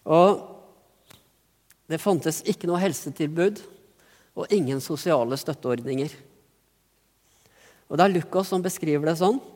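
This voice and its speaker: A pastor from Norway delivers an earnest, reflective sermon, pressing harder at key phrases. This man's voice sits a little high. A long church reverb trails after his words. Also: pauses often, darkish tone. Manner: earnest, reflective, with rising emphasis in places.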